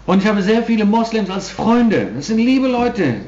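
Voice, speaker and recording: A man's voice: high voice, big pitch swings, moderate pace, a little mellow. Emphatic male preacher in a roomy hall. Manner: emphatic preaching with frequent restarts. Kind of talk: sermon. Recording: dull roomy hall recording.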